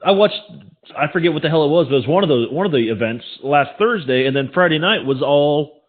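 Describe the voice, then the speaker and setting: Quick, joking American podcast co-host. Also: male voice, on the high side, animated. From United States. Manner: joking, blunt, swears casually. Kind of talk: casual chat. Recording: tinny phone-like sound.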